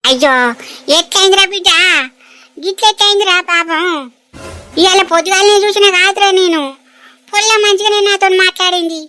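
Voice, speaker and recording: A woman voicing an old village grandmother in a cartoon, speaking in a shrill, wailing lament. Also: a little fast, long pauses, pushed and bright, faint music behind. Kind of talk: cartoon voice acting.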